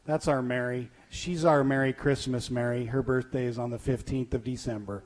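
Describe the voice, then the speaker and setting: A man's voice: medium pitch, fairly even intonation, moderate pace, darkish tone. A man, the mayor, chairing a city council meeting in a friendly, plain-spoken way. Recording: faint background noise.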